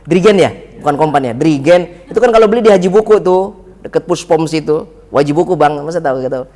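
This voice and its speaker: Male preacher, high voice, playful storyteller who acts out the dialogue. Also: fast talker. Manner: lively storytelling, acts out dialogue, jokes with audience. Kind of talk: mosque religious lecture. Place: mosque hall. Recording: reverberant mosque hall.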